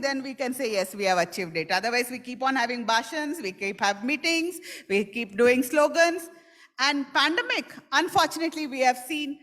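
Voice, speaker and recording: A woman's voice: high voice, a bit bright. A woman giving a formal conference speech, earnest and emphatic, repeating points for stress. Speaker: conference speaker.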